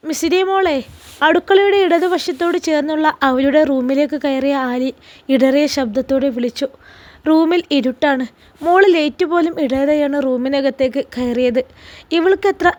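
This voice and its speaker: A woman with a Malappuram Malayalam accent narrates a family story. Her reading is tender and emotive. Her voice sits high.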